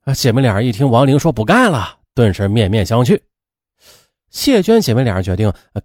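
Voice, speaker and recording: A man's voice: medium pitch, a little mellow, no echo, studio quality. A man narrating a true-crime story in a chatty way, with frequent fillers.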